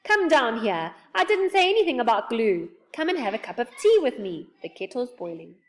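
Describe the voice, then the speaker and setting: Storybook eccentric gent woman reading: fond, emphatic, hearty, highly animated, pitched up. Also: normal speed, a little hiss or hum. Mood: fond exasperation. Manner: calling out, emphatic. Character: eccentric old male friend, fond and blustering. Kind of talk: children's storybook character reading.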